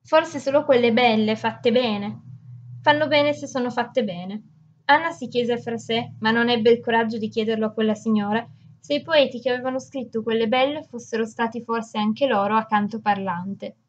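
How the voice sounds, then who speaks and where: A woman's voice: fairly high pitch, moderate pace, a little hiss or hum. Woman reading a children's story aloud. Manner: expressive, lively read-aloud with small slips. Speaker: audiobook narrator. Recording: dull lo-fi audiobook recording.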